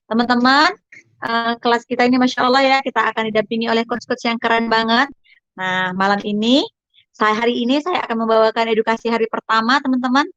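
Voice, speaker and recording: A woman's voice: fairly high pitch, steady tone, fast, a bit bright, no echo, muffled recording. A woman diet coach, giving a chatty online class lecture and often addressing listeners as friends.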